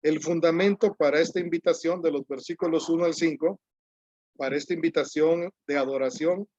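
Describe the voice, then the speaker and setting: A man preaching a sermon, explaining a psalm step by step, repeating key phrases and reading scripture slowly. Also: a little high, darkish tone, no room sound, dull audio.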